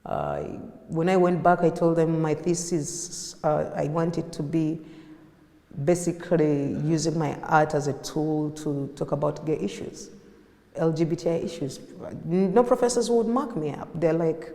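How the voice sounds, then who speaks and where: Woman artist, Ugandan accent, warm low-key delivery, interview recorded in an echoey hall. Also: steady tone, measured pace, vocal fry. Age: 30s. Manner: reflective, with frequent fillers and restarts. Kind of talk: personal interview storytelling. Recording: echoey room with long reverb.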